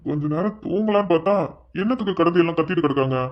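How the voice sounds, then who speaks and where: A woman doing a gruff, very deep older father. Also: lo-fi sound, close to an everyday voice. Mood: gruff scolding. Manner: scolding, slow and heavy. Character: stern older father, elder brother, gruff. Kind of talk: cartoon voice acting.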